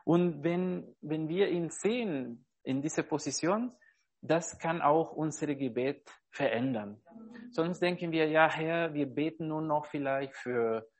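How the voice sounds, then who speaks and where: A man giving an informal devotional sermon, earnest and halting, often searching for words and checking in with his listeners. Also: fairly high pitch. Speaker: preacher.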